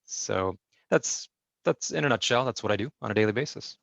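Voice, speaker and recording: A sign language interpreter, a man with a lowish, expressive, slightly bright voice and vocal fry, renders a deaf guest's answers in the first person over a video call. He speaks in a measured way, often using fillers and restarting, and there's no room sound.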